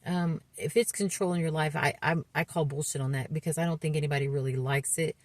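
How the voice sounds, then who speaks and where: Low-voiced woman in her fifties, earnest. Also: steady tone, no echo. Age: 50s. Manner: earnest, halting, many restarts and fillers. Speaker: recovery vlogger. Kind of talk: candid personal testimony.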